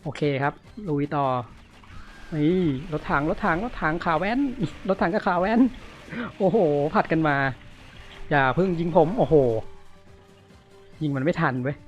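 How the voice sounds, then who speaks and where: A man giving casual gameplay commentary, excitable, often exclaiming and groaning. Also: a little high, moderate pace. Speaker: gamer. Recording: dull lo-fi audio with game music. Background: game music.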